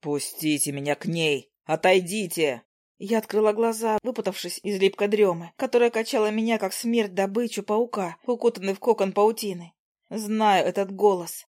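A woman reads a first-person novel aloud, with a measured, expressive delivery. Her pitch sits in the middle for a woman. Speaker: audiobook narrator.

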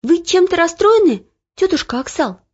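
A woman voicing a lively, bold young girl page in an audiobook. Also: very high voice, normal speed, lo-fi sound, voice pushed up. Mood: eager.

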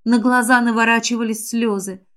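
A woman narrates a first-person fantasy audiobook with a high, clear voice. Her reading is emotional and expressive, and her pitch rises in the tense passages. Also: moderate pace.

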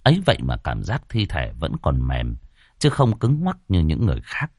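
A man narrating a ghost story, dramatic and slowing down for suspense. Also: very deep voice, huge pitch swings, darkish tone, no room sound, studio quality.

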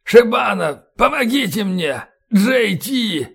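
A man voicing a wounded male colonel who gasps for air and cries out in strained, wheezing shouts. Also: sits high, big pitch swings, takes it slowly, creaky, slightly rough, pitched above the performer's own voice, heavily acted. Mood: pained shouting.

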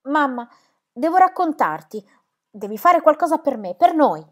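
A woman reading a novel aloud voices a frightened, grieving young woman who cries out in high, loud, anguished calls. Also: big pitch swings, a little slow. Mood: panicked.

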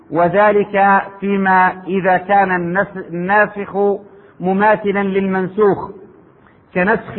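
A man giving a formal religious lecture on Quranic sciences, speaking in measured classical Arabic and reciting verses. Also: sits high. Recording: phone-like narrow sound with long hall reverb.

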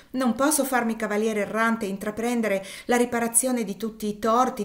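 A woman voicing a worldly, jovial gentleman in a read-aloud novel, reasoning calmly and with irony. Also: mid-range voice, pitched above the performer's own voice, lightly acted.

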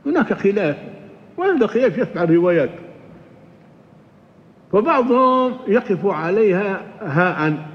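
An older man giving a scholarly lecture on Quranic exegesis, explaining in a measured way with halting restarts and recited verses. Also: high-pitched, very animated, in a large hall, highs cut off. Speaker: Quran tafsir teacher.

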